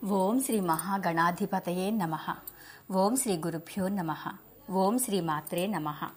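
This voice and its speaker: A woman narrating devotional scripture, reciting long lists of names and mantras in a measured way. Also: on the low side, slight background noise.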